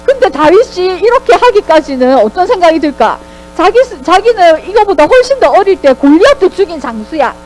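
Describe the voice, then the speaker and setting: High-voiced woman preaching to children. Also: fairly quick, a little hiss or hum, low-quality recording. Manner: animated, keeps asking the children questions. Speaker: Sunday school teacher. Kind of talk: children's sermon.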